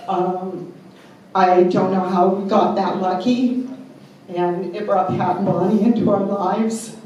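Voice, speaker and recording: A woman tells chatty stories and a joke at a memorial gathering, in an unhurried, mid-pitched voice. She sits well back from the mic, and her voice rings through a very reverberant hall over faint room ambience. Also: little pitch movement, dark tone, highs cut off, a little hiss or hum. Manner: chatty storyteller, joke-telling. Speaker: family member giving a tribute. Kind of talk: anecdotal memorial speech. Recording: very echoey hall, mic far off.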